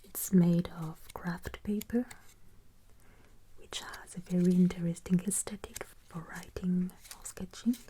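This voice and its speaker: A woman playing a gentle, courteous fantasy travel agency assistant in a breathy, soothing whispered role-play. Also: on the low side, fairly even intonation, a little hiss or hum, lightly acted. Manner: slow, soothing, gently attentive. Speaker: ASMR performer.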